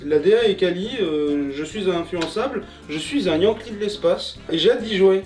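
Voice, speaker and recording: A man's voice: sits high, normal speed, darkish tone, distant mic, faint music behind. A man co-hosting a casual chat, hesitant and full of fillers. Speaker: co-host.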